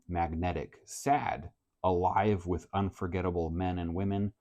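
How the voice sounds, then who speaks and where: A man who grew up in France, talking casually to camera about his reading list in a relaxed, measured way. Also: deep voice. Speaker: book vlogger. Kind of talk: casual book talk to camera.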